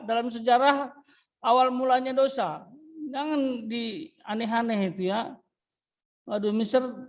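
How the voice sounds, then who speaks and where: A high-voiced man lectures his religion class in an exasperated, scolding tone. He keeps dropping English interjections as he corrects his students. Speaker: religion teacher.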